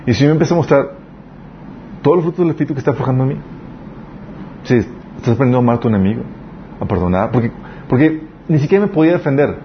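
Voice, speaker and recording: A man's voice: mid-range voice, animated, fast talker, long pauses, slight background noise. A man preaching a sermon in an earnest, conversational way, telling personal stories. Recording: dull lo-fi recording.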